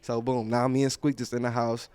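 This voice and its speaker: Man, rapper guest, from Pontiac, casual storytelling, slangy, laid-back, medium pitch. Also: flat delivery, brisk, darkish tone, clear, resonant tone, dry recording. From Pontiac, Michigan. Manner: laid-back, rambling, slangy, laughs often. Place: clothing store.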